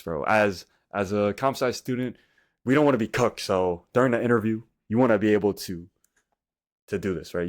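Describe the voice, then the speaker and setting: A man in his twenties with a slight lisp from wearing a retainer, giving a casual coding tutorial in informal, slangy, broken phrases. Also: lowish voice. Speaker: tutorial host.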